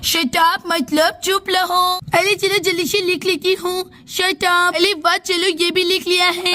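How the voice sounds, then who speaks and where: A woman's voice: extremely high pitch, bright, forceful tone, exaggerated voice. A woman voicing a cheeky, lazy schoolgirl in a children's cartoon, whiny and chatty, talking to herself. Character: cheeky lazy schoolgirl dodging her exam. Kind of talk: cartoon voice acting.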